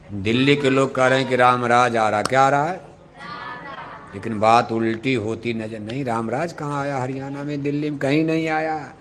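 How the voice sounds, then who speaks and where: A man's voice: mid-range voice, slight background noise. Fervent preacher man rousing a crowd. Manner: fervent, rhetorical questions, leads the crowd in shouted call-and-response. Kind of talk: devotional sermon to a live crowd. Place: open gathering before a large audience. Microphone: microphone.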